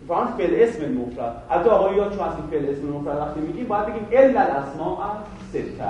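A man's voice: on the high side, lively intonation, a little mellow, slight background noise. A man teaching a grammar lesson to a class, firing questions at the students and answering them himself. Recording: very echoey room from far off.

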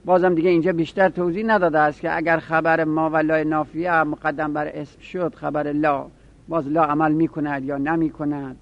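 A man giving a seminary lesson on Arabic grammar, explaining rules and repeating example phrases slowly. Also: fairly high pitch, flat delivery. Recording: dull lo-fi recording.

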